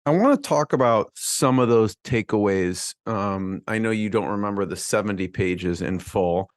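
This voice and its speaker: A man's voice: fairly low pitch, moderate pace, dry recording, studio quality. A male podcast host asking a guest curious follow-up questions. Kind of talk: interview questions.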